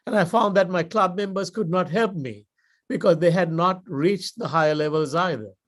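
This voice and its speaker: An older Sri Lankan man with a high voice and a Sri Lankan accent delivers a motivational speech to a club as the guest speaker. He tells his story in a measured, deliberate way, using dramatic pauses.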